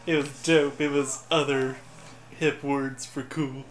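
A man's voice: mid-range voice, little pitch movement, takes it slowly, reverberant, soft background music. A man joking and mocking himself while playing a racing game in casual chat. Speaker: gameplay commentator.

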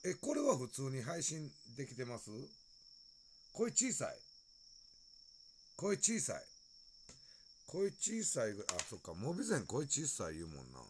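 A man's voice: medium pitch, wildly swooping pitch, measured pace, long pauses, a little mellow, slight background noise. A man with a Kansai accent chatting loosely on a late-night phone live stream, greeting viewers and laughing often. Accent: Kansai Japanese.

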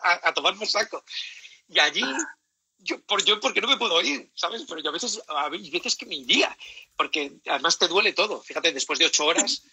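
A man's voice: high-pitched, brisk, husky, low-quality recording. A man, a guest comedian chatting casually on a live stream, telling stories animatedly and acting out the voices he quotes. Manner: animated storyteller, acts out quoted voices and laughs often.

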